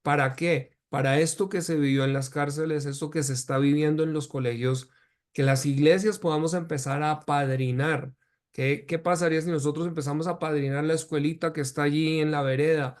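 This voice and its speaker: A pastor with a slightly raised pitch for a man. He talks earnestly in a preaching rhythm and keeps asking rhetorical questions. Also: fairly even intonation, brisk. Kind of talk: church talk show conversation.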